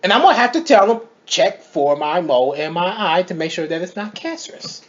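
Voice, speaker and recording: Man, casual co-host chat, fairly high voice, swooping intonation, muffled lo-fi sound. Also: brisk. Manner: animated, emphatic storytelling. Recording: dull lo-fi recording.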